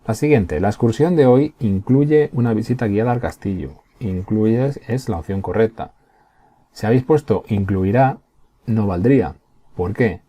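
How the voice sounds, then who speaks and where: Man, deep voice, husky, patient teacher, step-by-step explanations. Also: moderate pace, warm tone. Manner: patient, explaining step by step with frequent checks like "¿Mm?" and "¿vale?". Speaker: primary school teacher. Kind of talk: recorded remote class.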